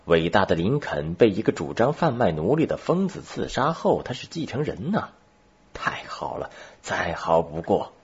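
A man voicing an excitable middle-aged French geographer who questions with sarcastic irony in an audiobook. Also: on the low side, normal speed, breathy edge, full character voice. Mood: ironic. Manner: sarcastic, increasingly agitated questioning. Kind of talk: audiobook character reading. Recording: dull lo-fi recording.

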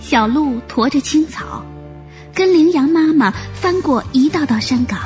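A woman gently narrating a children's story. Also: high voice, lively intonation, measured pace, soft background music.

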